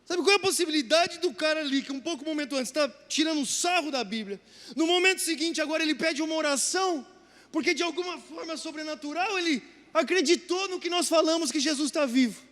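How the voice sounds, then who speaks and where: High-voiced preacher in a reverberant hall. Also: male voice, fast talker. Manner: animated storytelling, acts out dialogue. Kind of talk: sermon with storytelling.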